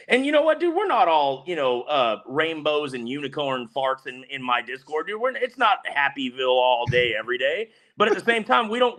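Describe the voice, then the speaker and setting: A man's voice: on the high side, fairly bright tone. A man co-hosting a betting podcast in casual chat, blunt and fired up, ranting with swearing.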